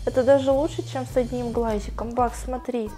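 With soft music playing behind her, a young adult woman unboxes toys for a casual vlog from her bathtub in a small tiled bathroom. Her fairly high, mellow voice is steady and fairly quick, picked up by a lapel mic as she talks playfully to her dog and viewers.

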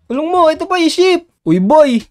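A man hosting a Minecraft let's-play, bossy and excitable, often urging his partner to hurry. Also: very high-pitched, normal speed. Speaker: gaming channel host.

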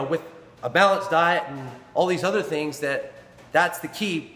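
The voice is high and fairly bright: a man in his thirties, working as a personal trainer, motivating viewers earnestly and emphatically in a small indoor gym. He repeats phrases to drive points home, recorded by a camera at close range in front of him amid the room's long, echoing reverb.

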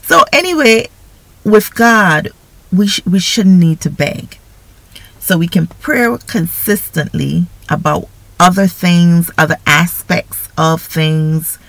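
A woman's voice: on the low side, slow pace, fairly bright tone, no room sound, poor audio. A woman giving an informal devotional talk on prayer, speaking conversationally and often checking in with listeners by asking "right?". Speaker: faith speaker.

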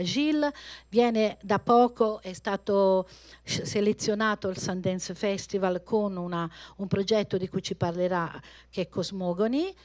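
A middle-aged woman hosts from a theatre stage in a medium-pitched voice. She speaks off the cuff into a handheld mic, often reaching for the next word and rephrasing. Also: darkish tone. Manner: searching for words, rephrasing as she goes. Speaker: event host introducing a speaker. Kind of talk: spontaneous stage introduction. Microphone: handheld microphone.

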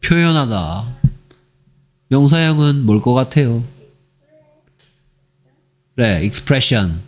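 A man giving an exam-prep English lecture, firing off quick rhetorical questions and switching between Korean explanation and read-aloud English sentences. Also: mid-range voice, very animated. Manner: drills with rapid rhetorical questions. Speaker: English teacher.

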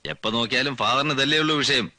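An actor playing a calm middle-aged doctor who talks in a mildly amused way. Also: male voice, medium pitch, fast talker, no room sound.

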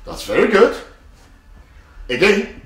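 An actor playing a doting, playful middle-aged husband who coaxes and flatters repetitively in a film drama. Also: male voice, high-pitched, takes it slowly, full character voice. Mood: gushing, coaxing. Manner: gushing, coaxing, repetitive flattery. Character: doting, playful father fussing over his wife. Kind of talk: film acting. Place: living room. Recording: roomy, distant mic, noisy.

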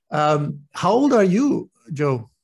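A man's voice: sits high, big pitch swings, very slow, slightly rough. A man in his forties hosting a casual video-call interview, asking rambling questions full of fillers. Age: 40s. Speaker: podcast host. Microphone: desk microphone on video call.

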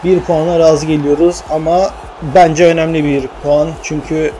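A young man commentating his own football video game, urging his players on and shouting when chances come. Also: a little high, normal speed, slight background noise. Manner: excitable, shouts at players, mutters to himself. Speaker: gaming channel host. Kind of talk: live gameplay commentary.

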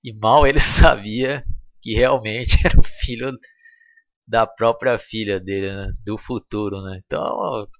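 A man's voice: fairly low pitch, steady tone, unhurried, gravelly, a bit bright, no echo, lo-fi sound. A man with a Brazilian accent, chatty and slangy, casually retelling a film scene by scene as a reviewer and checking in with his listener again and again. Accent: Brazilian Portuguese.

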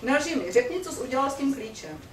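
A stern, menacing nobleman who barks questions and orders his wife about, as a woman lecturer reads him aloud. He sounds a little high and distant, caught in a roomy hall. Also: very animated. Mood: threatening. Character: menacing nobleman husband, cold and domineering.

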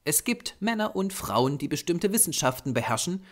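A man reading an audiobook voices a small, lean Japanese doctor of the occult, pitching his voice high and letting it move about a great deal. The character lectures patiently and formally with earnest insistence, very animated and at normal speed.

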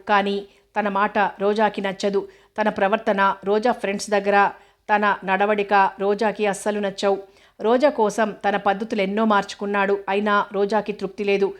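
A woman narrating a novel as an audiobook, with a steady, even reading. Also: medium pitch, normal speed.

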